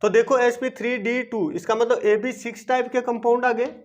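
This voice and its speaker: Here a man with a very high-pitched voice explains chemistry at normal speed and in a level tone. Questions he raises get answered by him right away, with coaxing repetition throughout this classroom-style video, which was recorded in dull lo-fi quality.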